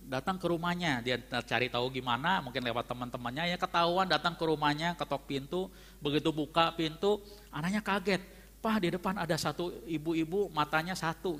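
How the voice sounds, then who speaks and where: A man's voice: on the high side, fairly quick, fairly bright tone. A man preaching a fervent sermon and telling a story, often calling out to his listeners as brethren. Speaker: pastor. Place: church hall. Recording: long church-hall reverb.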